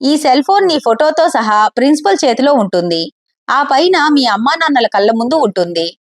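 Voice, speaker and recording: Stern, cold college lecturer with a lively high voice, read by a woman. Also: normal speed.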